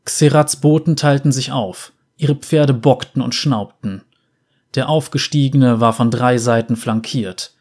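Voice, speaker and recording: A male narrator reads a dark fantasy tale. His voice is mid-pitched and measured, with a dramatic storytelling delivery. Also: fairly even intonation.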